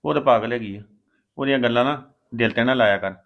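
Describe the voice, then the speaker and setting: A man's voice: mid-range voice, quick pace, creaky, natural voice. A man playing an elder brother who soothes and coaxes his grieving sister in a family drama. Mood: soothing. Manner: soothing and coaxing. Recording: slightly dull recording.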